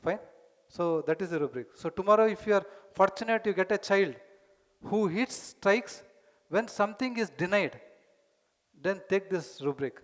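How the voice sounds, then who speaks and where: A man's voice: high voice, animated, very slow. A man lecturing a conference hall and quizzing the audience, mixing in Tamil words. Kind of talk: teaching lecture.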